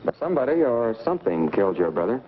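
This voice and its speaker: An American actor playing a brisk, sly newspaper reporter in a 1940s B-movie style. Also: male voice, mid-range voice, big pitch swings, close to an everyday voice. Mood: probing, calm. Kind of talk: 1940s B-movie film acting. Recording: muffled, noisy vintage film soundtrack.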